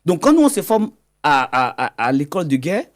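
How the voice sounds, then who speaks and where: In an interview, a male guest describes his work as an economic intelligence consultant, frequently stumbling and repeating words mid-sentence. His voice is fairly high and very animated, at a moderate pace.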